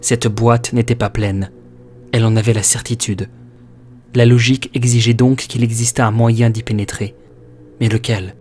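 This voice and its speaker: A man narrating a horror audiobook with measured, expressive storytelling. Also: mid-range voice, a little hiss or hum. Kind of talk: dramatic audiobook reading.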